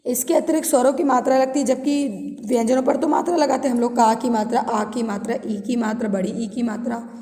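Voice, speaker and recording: Woman teacher, high voice, mellow tone, reads a definition then explains it again slowly, grammar lesson, long room reverb. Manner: addresses students directly. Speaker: Hindi teacher.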